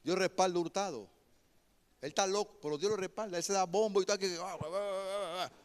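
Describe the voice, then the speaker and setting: A male pastor preaching a sermon, building to shouted lines and then dropping to a quieter, joking tone. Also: sits high, fairly even intonation, a little fast, smooth.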